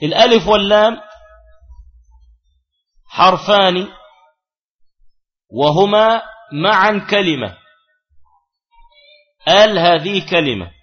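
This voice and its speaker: A man's voice: sits high, lively intonation, slow pace, long pauses, lo-fi sound. A man teaching a classical grammar lesson, who repeats key phrases and puts questions to his students.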